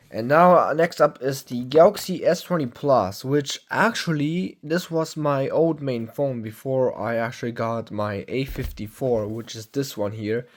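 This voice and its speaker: Rambling young man reviewing phones. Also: mid-range voice. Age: young adult. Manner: rambling, halting, many fillers and self-corrections. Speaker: tech vlogger. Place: at home.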